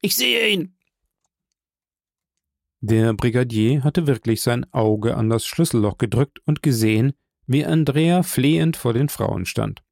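A man narrating a novel as an audiobook in a measured, even storytelling manner. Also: medium pitch, creaky, no echo, clean studio sound.

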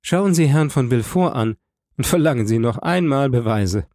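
A man voicing a bold, defiant young male defendant in an audiobook, quick and taunting. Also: medium pitch, expressive, a little mellow, no room sound, clean studio sound, natural voice. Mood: mocking.

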